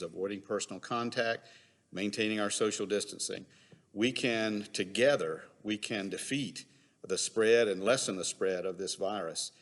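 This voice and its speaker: Hallway echo, long church reverb, man, lowish pitch, pastor's update, measured, halting, deliberate phrasing. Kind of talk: prepared pastoral update, speaking to congregation. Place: large empty church sanctuary indoors.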